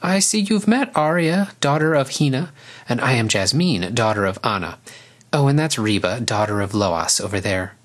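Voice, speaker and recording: A man's voice: mid-range voice, sing-song, normal speed, hardly any pauses, breathy edge, voice pushed up. A man voicing a confident, showy young lioness who teases in a storybook reading. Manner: confident, theatrical.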